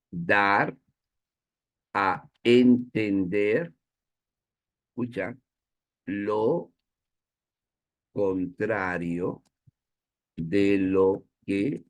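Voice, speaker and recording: A man's voice: on the low side, drawn-out words, long pauses. A man, a teacher giving a playful, self-mocking classroom lecture and checking in with his students.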